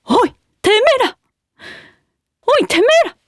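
A woman doing an impression of a tough female teacher who shouts rough lines at her students. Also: very high voice, sing-song, unhurried, no room sound, studio quality, voice pushed up, heavily acted. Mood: shouting. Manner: shouted, rough delinquent-style speech. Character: gruff tough female schoolteacher yelling at students.

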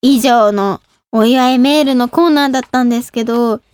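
A woman's voice: on the high side, brisk, darkish tone, clear, resonant tone, dry recording, studio quality. A woman in her twenties hosting a radio show in casual, giggly talk, often laughing at herself. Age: 20s. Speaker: radio show host and idol.

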